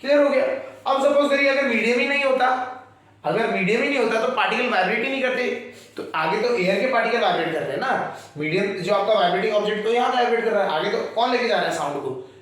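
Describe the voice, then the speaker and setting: A man's voice: sits high, fast talker, fairly bright tone. A man teaching a science class, explaining patiently and often checking whether his students follow, with terms. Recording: very echoey room.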